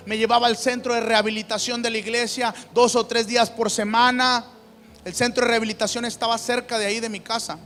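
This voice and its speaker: A man's voice: very high voice, bright, forceful tone, big-room sound. A man preaching his personal testimony, fervent and often calling listeners brother. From Mexico. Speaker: evangelist giving testimony.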